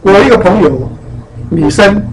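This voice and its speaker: A man's voice: high-pitched, measured pace, slight background noise, low-quality recording. A man giving a casual lecture, telling anecdotes and acting out the voices of people in his stories. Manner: animated, acts out quoted voices in stories. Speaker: lecturer on spiritual teachings.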